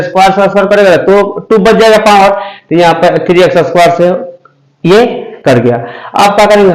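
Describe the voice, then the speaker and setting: High-voiced tutor guy, slow board math explaining, keeps asking if u got it. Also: poor audio. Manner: slow, repetitive explaining with frequent check-ins. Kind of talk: blackboard math lesson. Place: coaching class.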